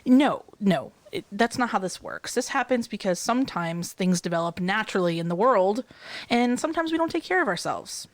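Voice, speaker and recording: A woman's voice: medium pitch, animated, moderate pace, no room sound. A woman co-hosting a podcast in casual chat, laughing often and reacting expressively. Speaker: podcast co-host.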